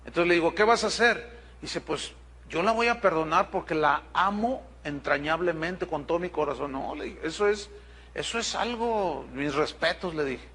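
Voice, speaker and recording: A man, a pastor telling a story in a sermon, talking directly and leaping to high exclamations. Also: normal speed, pushed and bright.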